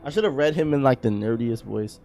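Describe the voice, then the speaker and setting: Give me a slangy, loud male streamer with a gravelly voice over quiet music. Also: medium pitch, a little fast. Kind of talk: casual gameplay commentary.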